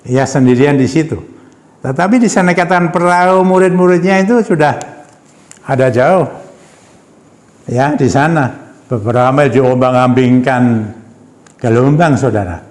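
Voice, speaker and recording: A man's voice: mid-range voice, moderate pace, long pauses, a little mellow. A man preaching a sermon in a church hall. He reads scripture aloud, then comments on it emphatically, calling on the congregation as "brothers and sisters" and asking them rhetorical questions. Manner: addresses the congregation as "Saudara" and asks rhetorical questions.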